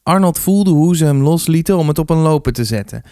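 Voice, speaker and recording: A man reading a youth novel aloud with steady, measured narration. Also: fairly high pitch, no room sound, clean studio sound. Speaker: reader. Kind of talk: storybook reading.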